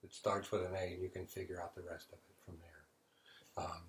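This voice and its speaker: A man hosting a casual spiritual session, telling stories in a relaxed way. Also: low-pitched, moderate pace, echoey room, slight background noise. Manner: relaxed storytelling, joke-telling.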